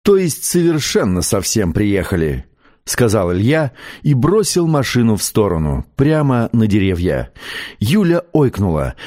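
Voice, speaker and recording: A man with a lowish voice narrates an audiobook from a script, telling the story in a measured, expressive way.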